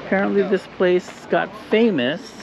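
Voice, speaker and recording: A woman's voice: medium pitch, normal speed, creaky, dull audio, noisy background. A woman narrating a casual travel vlog, chatty and joking as she goes. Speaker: travel vlogger.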